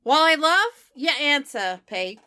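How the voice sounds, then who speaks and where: A woman runs a trivia game on a podcast, reading each clue and giving the answers at an unhurried pace. Her voice is bright and a little higher than most. She laughs easily between rounds. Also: sing-song. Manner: reads clues aloud and scores answers, laughing often. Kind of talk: casual podcast chat.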